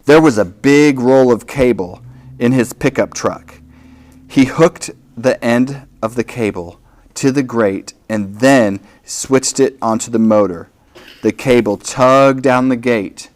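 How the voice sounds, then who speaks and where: A man's voice: mid-range voice, takes it slowly, a little mellow. A man hosting a children's reading show, reading a picture book aloud expressively and asking the children questions.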